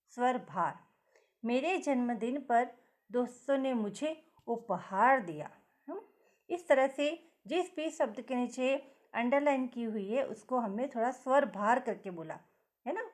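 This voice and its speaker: Patient woman teacher reading aloud. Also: fairly high pitch. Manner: slow repetitive model reading with stressed words. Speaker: schoolteacher. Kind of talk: classroom lesson for children.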